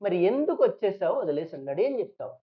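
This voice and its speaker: A woman's voice: mid-range voice, very animated, quick pace, phone-quality sound. Woman preaching with pointed rhetorical questions. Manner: fires rhetorical questions at listeners; acts out churchgoers in quoted asides. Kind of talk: sermon.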